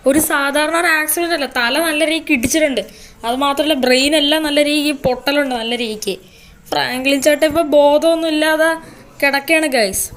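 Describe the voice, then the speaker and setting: A woman's voice: high-pitched, a bit bright. A woman narrating an amateur story video, talking to viewers in an emotional, repetitive way.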